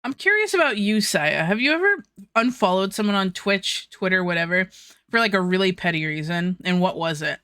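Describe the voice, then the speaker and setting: Bright, giggly young woman streamer. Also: medium pitch, expressive, brisk, smooth, no echo, studio quality. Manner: laughs often, swears casually, talks with mouth full. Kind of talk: casual chat with viewers while eating.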